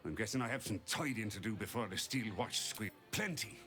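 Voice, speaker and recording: A man playing a gruff, exasperated rogue in a fantasy video game, blustering and grumbling. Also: lowish voice, animated, fairly quick, pushed and bright. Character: gruff, grumbling male rogue, colorful oaths. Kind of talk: video game character acting.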